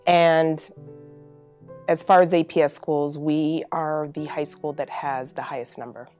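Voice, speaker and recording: A woman from the school staff speaks in a matter-of-fact way. Her very low, dark voice sounds somewhat distant, with music underneath. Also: fairly even intonation, measured pace. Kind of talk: interview testimonial.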